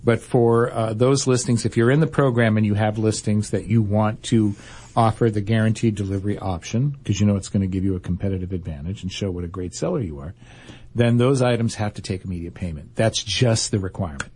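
A man's voice: on the low side, a little fast, dark tone, slightly rough. A male radio show host giving firm, opinionated business advice in a chatty talk-show style.

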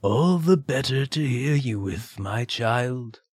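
A man's voice: medium pitch, lively intonation, slow, a little mellow, husky, no echo, studio quality. A man doing a sly, wheedling wolf. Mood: smooth. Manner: wheedling, coaxing. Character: sly, crafty male wolf.

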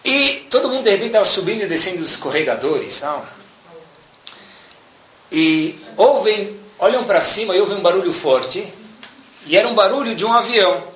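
A man, giving a sermon as a religious teacher and telling stories in a lively, animated way, often checking in with his listeners. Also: high-pitched, moderate pace. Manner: keeps asking "tá bom?" as a check-in. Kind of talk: sermon with storytelling. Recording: echoey room.

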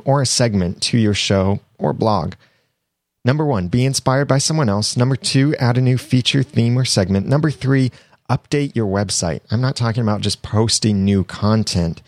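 Getting past a cold, a young adult podcast host talks through tips on his own, sounding chatty and upbeat. The voice sits on the low side with a darkish tone, and the recording is dry.

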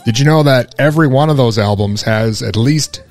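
A man's voice: medium pitch, brisk, a little mellow, soft background music. A man hosting a radio show in casual banter, teasing and needling his co-host.

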